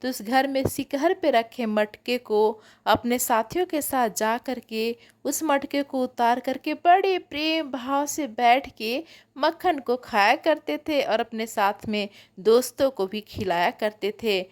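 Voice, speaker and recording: A woman's voice: on the high side, slow pace, hardly any pauses. A woman narrating a devotional story in a homely, chatty way, addressing her listeners as friends.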